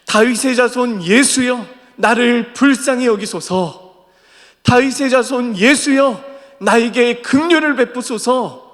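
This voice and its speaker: A man voicing a desperate blind beggar crying out loudly for mercy, recorded in a church sanctuary. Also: very high-pitched, takes it slowly, voice pushed up, full character voice. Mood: desperate pleading. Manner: pleading, loud and drawn out. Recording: long church hall reverb.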